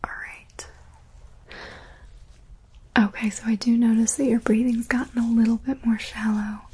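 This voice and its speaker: A young woman whispering softly and reassuringly, in a whispered medical roleplay as a paramedic. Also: a little high, flat delivery, normal speed, breathy edge.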